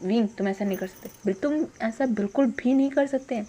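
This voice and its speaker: A devoted young man pleads in a soft, hushed voice, his tone coaxing and gentle, as a woman puts him on. It is a storytelling role voice, close to the reader's own, fairly high voice. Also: brisk, husky. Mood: soft pleading.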